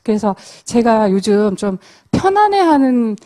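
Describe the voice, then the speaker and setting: Woman in her 40s, polite hesitant questioner, mellow, fairly high voice. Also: big pitch swings, measured pace. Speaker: questioner, housewife. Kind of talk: asking for advice.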